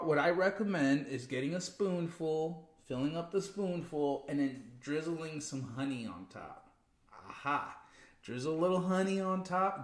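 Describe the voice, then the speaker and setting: A man co-hosting a casual spiritual livestream, emphatic and quick to laugh. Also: a little high, roomy sound. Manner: animated, laughs often, emphatic. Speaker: co-host.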